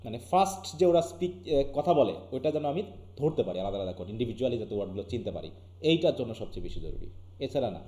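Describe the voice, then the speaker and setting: A man's voice: medium pitch, sing-song, very fast, dark tone, reverberant. A man with a Bangladeshi Bengali accent teaching an online English class, often asking his students questions. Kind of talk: live online class lecture.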